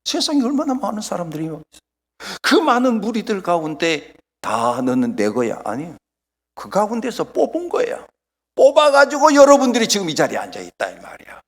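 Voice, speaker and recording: A man preaches a Sunday sermon in his church, his fairly high voice rising and falling with lively emphasis. He presses points loudly, then drops almost to a whisper. Long reverb from the sanctuary trails each phrase. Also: normal speed. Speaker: pastor.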